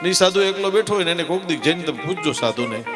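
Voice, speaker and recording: A Kathiawadi-accented Gujarati man with a higher voice tells dayro stories live on a temple stage, joking, speaking with emphasis, and addressing the crowd as "saheb." His intonation is lively and his pace quick as he rhythmically declaims rhyming lists like a seasoned folk humorist. The PA sound carries long hall reverb and faint music.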